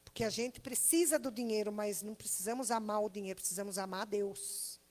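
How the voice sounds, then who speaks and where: A woman pastor from Brazil, preaching a sermon that tells a story and builds to loud exhortation. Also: medium pitch, brisk. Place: church service.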